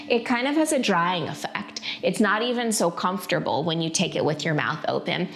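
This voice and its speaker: A woman teaching a prenatal yoga breathing lesson in an informal, gently guiding way. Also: on the low side. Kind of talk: guided breathing lesson, conversational instruction.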